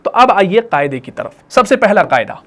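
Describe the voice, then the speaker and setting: A man with a Pakistani Urdu accent gives a tajweed lesson. He explains each rule patiently and says it again more than once. He stretches vowels out slowly to show how a recitation should sound. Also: sits high, very animated, a bit bright. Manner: explains patiently, repeats rules, models drawn-out recitation. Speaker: Quran recitation teacher.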